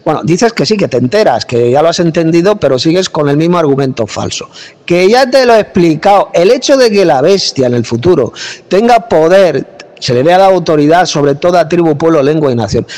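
A man from preaching in a forceful, scolding way, speaking with authority into a phone. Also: a little high, animated, fairly quick, long reverb tail. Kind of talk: combative preaching monologue. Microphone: phone mic.

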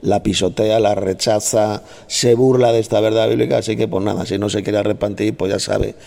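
A gravelly man with a low voice teaches scripture in a combative, scolding way. He repeats his points and mocks his opponents with sharp insults. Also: steady tone, a little fast. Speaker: Bible teacher. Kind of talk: heated Bible study debate.

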